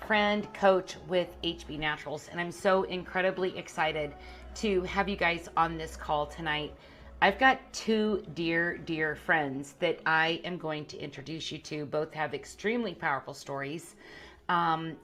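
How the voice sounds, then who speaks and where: A woman with a low voice hosts an evening group call as a wellness coach. She introduces her guests with eager, effusive praise. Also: a bit bright.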